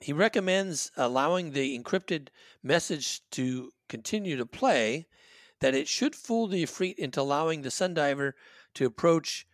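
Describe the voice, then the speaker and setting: Guy gm narrating a tabletop game, kinda high voice, lots of ums, dry close sound. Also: dry recording. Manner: rambling, with many fillers and restarts. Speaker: game master.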